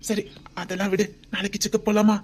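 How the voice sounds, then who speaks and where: A woman's voice: medium pitch, flat delivery, fast talker, a little mellow, close to an everyday voice. A woman with a Tirunelveli Tamil accent voicing a doting young husband and father-to-be, tender and pleading, often near a whisper. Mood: earnest. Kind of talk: homemade web drama.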